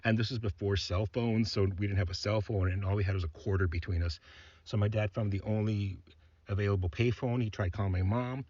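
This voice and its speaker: A man from South Texas tells a story from his youth in an easy, rambling style, peppered with fillers. His voice is low and husky. The recording is dull and dry, with no room sound. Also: darkish tone, no room sound. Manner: rambling, heavy on "like" and "uh". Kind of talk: casual personal storytelling.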